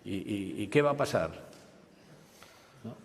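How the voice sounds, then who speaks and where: A man's voice: lowish voice, lively intonation, unhurried, vocal fry. A man speaking on a conference panel, stammering into restarts and tagging his points with questions. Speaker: business school panelist. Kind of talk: panel discussion. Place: conference stage. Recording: reverberant conference hall.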